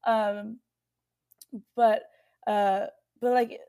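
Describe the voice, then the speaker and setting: A young woman from the United States talks casually as a guest in an interview. Her voice sits slightly high. She rambles with lots of fillers and restarts. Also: little pitch movement, drawn-out words, mellow, clear, resonant tone. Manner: chatty, many fillers and restarts. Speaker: singer-songwriter guest.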